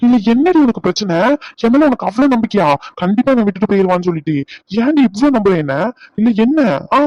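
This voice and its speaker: Man voicing a teasing young male doctor, fast talker, dubbed serial drama, dull dry recording. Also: sits high, expressive, no echo. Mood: indignant. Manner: teasing, scolding banter.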